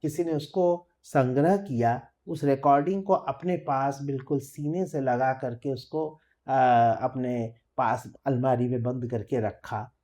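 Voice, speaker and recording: Brief: woman classical singer, deep voice, explains thumri in a measured, thoughtful way. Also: fairly even intonation, dark tone. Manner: thoughtful, measured, with hesitant fillers. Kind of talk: explanatory talk with sung examples.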